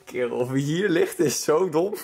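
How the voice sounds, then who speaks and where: A man's voice: a little high, animated, a little slow, gravelly, a little mellow, soft background music. A man in his twenties chatting casually as a vlogger into a handheld camera. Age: 20s. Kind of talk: casual vlog chat. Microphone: handheld camera at arm's length.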